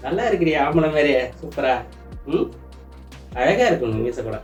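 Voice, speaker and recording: Guy with a high voice doing a comedy skit, sweet-talking and teasing, echoey room, mic kinda far, music under it. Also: sing-song, moderate pace. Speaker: comic actor playing a husband. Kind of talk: comedy sketch acting.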